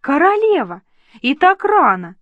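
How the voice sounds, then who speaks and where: A woman's voice: fairly high pitch, animated, a little slow, dry recording, narrow, tinny audio. Woman voicing a fervent young princess. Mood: overjoyed. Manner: exclaiming, fervent. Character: young princess, earnest and emotional. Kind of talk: audiobook reading.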